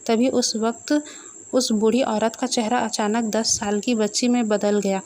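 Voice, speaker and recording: A woman telling a comic horror fan story in a lively, playful storytelling manner. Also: on the high side, a little slow, slight background noise.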